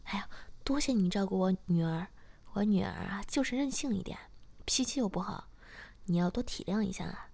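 A warm, fussy older mother from a spoken story, played by a woman reader. She gushes a little, with a gravelly, slightly lowered voice. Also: brisk. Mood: effusive. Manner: effusive, fussing.

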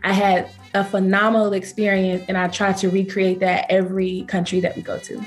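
A woman with a Southern accent tells travel stories in an easygoing interview. She leaps up in pitch to act out what others said, keeping the talk lively. Soft music plays faintly behind her. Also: brisk. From Georgia, USA. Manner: animated, acts out quoted speech with pitch jumps. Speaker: travel company founder, interview guest. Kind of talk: conversational storytelling interview.

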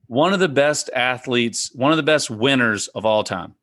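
A man's voice: medium pitch, moderate pace, a bit bright, no room sound, clean studio sound. A man in casual sports talk among friends, repeating his predictions emphatically with many restarts. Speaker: podcast co-host.

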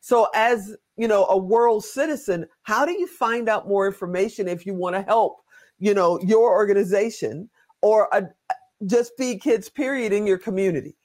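A male interview host with a notably high voice, talking in a loose, chatty way. He wanders around his questions and slips in jokes as he goes. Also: normal speed, darkish tone. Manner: chatty, rambling, jokey. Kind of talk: casual interview talk.

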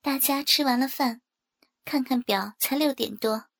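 Brief: female narrator, high voice with some fry, calm first-person storytelling. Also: a little slow. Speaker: audiobook narrator.

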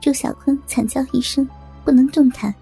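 A woman narrating an audiobook in a steady storytelling manner. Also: sits high, moderate pace, gravelly, breathy edge. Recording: dry close mic with faint music beneath.

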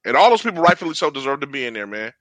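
A man's voice: medium pitch, big pitch swings, rapid-fire, a bit bright, no room sound. A man co-hosting a casual sports podcast, talking earnestly and conversationally, filling his lines with "man" and "you know.". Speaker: podcast co-host.

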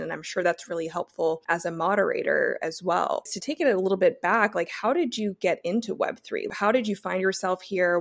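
A woman co-hosting a podcast, with a voice a little lower than most. She introduces the episode and puts questions to her guest in a clear, measured, carefully worded way. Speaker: podcast co-host.

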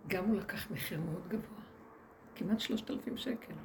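A rebbetzin addresses a women's group in a live recording from a noisy room, her mid-range voice gravelly and animated. She tells stories to the audience, acting out the people she quotes.

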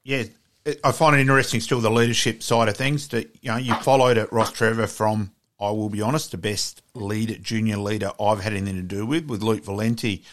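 A man's voice: on the low side, steady tone, a little fast, fairly bright tone. An Australian man interviewing casually about sport, speaking in an effusive, matey way.

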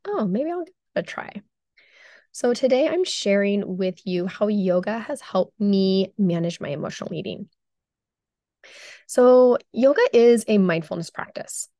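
Chatty hoarse woman podcast host. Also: mid-range voice, lively intonation, a little slow, warm tone, no room sound, clean studio sound. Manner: chatty and upbeat, with fillers like "um" and "like". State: hoarse, recovering from lost voice. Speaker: podcast host and health coach. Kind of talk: casual solo podcast talk.

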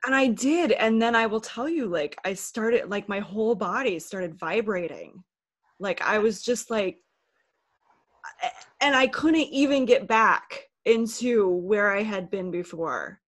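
A woman's voice: mid-range voice, lively intonation, unhurried, a bit bright. Guest, woman. Open, reflective and chatty, with a filler-heavy conversational delivery. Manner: open and reflective, says "like" often. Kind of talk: casual heart-to-heart chat.

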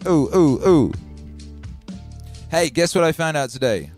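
On his live stream, a middle-aged man from Wales with a Welsh and Birmingham accent thanks viewers by name, swears, and stays casual and excitable. His voice is on the high side and unhurried, and faint music plays behind.

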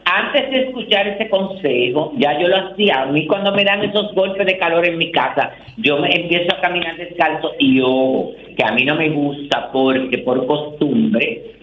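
A man co-hosting a radio talk show, talking in a theatrical, exclaiming way with big swoops in pitch. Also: normal speed. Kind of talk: casual studio banter. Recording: roomy, dull sound with faint noise.

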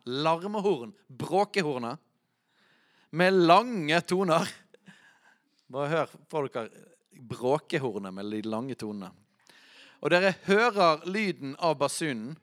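A man preaching a sermon, rising to shouts when quoting. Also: a little high.

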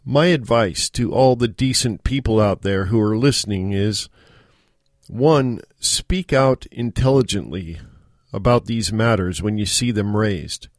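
A middle-aged American man hosting a solo podcast, speaking in an earnest, measured, exhorting monologue. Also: fairly low pitch, no room sound, studio quality. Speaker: podcast host. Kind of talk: solo monologue on self-improvement.

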